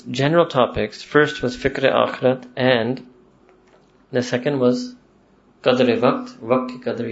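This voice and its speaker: A man teaching a religious lecture, chatty and full of rhetorical questions. His voice sits at a middle pitch. The recording is roomy and dull, with a faint hiss underneath. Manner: conversational, with rhetorical questions and chuckles. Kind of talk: lecture-style sermon to young listeners.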